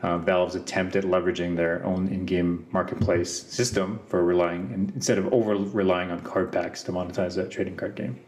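A man's voice: low voice, little pitch movement, fairly quick, hardly any pauses, darkish tone. A man co-hosting a show, explaining news updates and adding his own commentary. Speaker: podcast co-host reading news updates. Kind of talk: informal news rundown with commentary.

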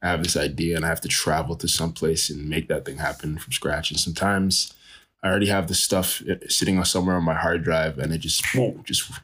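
In an extremely low, breathy-edged voice, a travel photographer talks briskly and casually in an interview. He is animated, laughs often, and frequently starts his sentences over.

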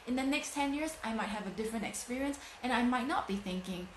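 A woman's voice: on the high side, expressive, fast. A woman in her late thirties speaks as a motivational coach, stressing her points and repeating lines for effect. Her voice rings with a roomy echo, and a faint background noise sits under it. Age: 30s. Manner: emphatic, repeats phrases for effect. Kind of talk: motivational talk. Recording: echoey room.

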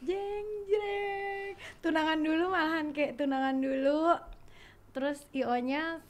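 Woman, 30s, high pitch, casual chat, animated storyteller, switches into English phrases. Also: moderate pace. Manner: animated, acts out dialogue, mixes in English. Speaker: guest.

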